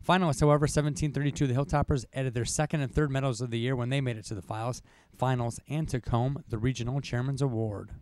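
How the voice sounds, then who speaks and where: A man's voice: mid-range voice, fairly even intonation, quick pace, few pauses, a little mellow. A young man co-hosting a podcast, reading competition results from notes with casual asides and the odd cough. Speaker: co-host. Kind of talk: podcast rankings recap.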